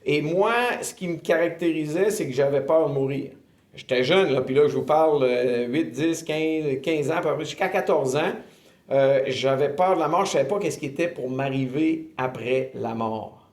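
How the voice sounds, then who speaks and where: A man in his fifties from Quebec, Canada, with a Québécois French accent and a slightly high, darkish voice, earnestly shares his faith testimony in an interview as a ministry director. He pauses often with filler sounds, and the recording has a roomy echo.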